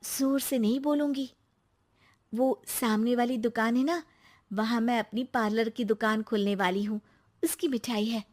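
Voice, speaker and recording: A woman's voice: on the high side, fairly even intonation, moderate pace, a little mellow, lightly acted. A woman voicing a cheerful, chatty young daughter-in-law in a cartoon.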